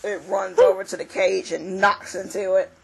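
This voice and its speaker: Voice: mid-range voice, sing-song, normal speed, vocal fry, noisy background. A roleplay game master narrating events in a plain, matter-of-fact way. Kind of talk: narrating a tabletop-style roleplay.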